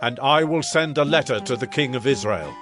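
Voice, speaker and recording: A man voicing a king in a scripture reading, speaking in a measured, formal way. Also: medium pitch, animated, over music, natural voice. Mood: stately. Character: king issuing orders, stately.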